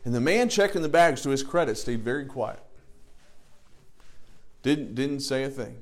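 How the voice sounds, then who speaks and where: A man's voice: mid-range voice, moderate pace. A male pastor preaching a sermon in a conversational way, with joking asides and lists read with rising emphasis.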